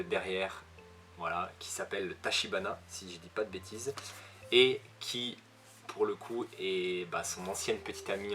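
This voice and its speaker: A man's voice: deep voice, fairly bright tone, a little hiss or hum. A man giving a casual spoken review as a manga reviewer, chatty, with frequent hesitations and self-corrections.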